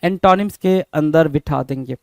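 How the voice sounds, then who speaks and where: A man's voice: on the high side, normal speed, creaky, no room sound, clean studio sound. A male English vocabulary teacher giving an exam-prep lesson, switching between Hindi and English, asking questions and answering them himself. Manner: mixes Hindi and English, spells words out letter by letter.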